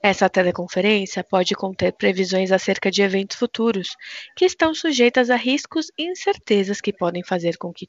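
A woman's voice: mid-range voice, dry recording. A Brazilian woman working as a conference call operator, reading a scripted announcement in a formal, polite customer service voice. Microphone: conference call line. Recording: dull, lo-fi conference call audio.

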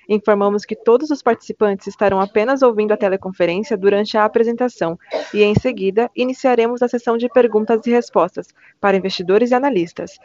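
A woman's voice: fairly high pitch, darkish tone, no room sound. A woman with a Brazilian accent reads a scripted announcement as a conference call operator, in a formal, polite customer service voice. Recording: dull, lo-fi phone conference line.

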